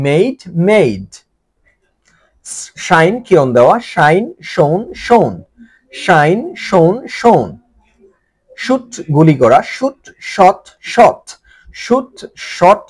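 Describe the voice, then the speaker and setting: A man with a Bengali accent runs an English vocabulary lesson, saying each verb form over and over in a chanting drill. His voice sits somewhat high and swings widely in pitch as he stresses each form. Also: a little mellow. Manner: repeats each word form several times in a sing-song drill. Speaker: English teacher.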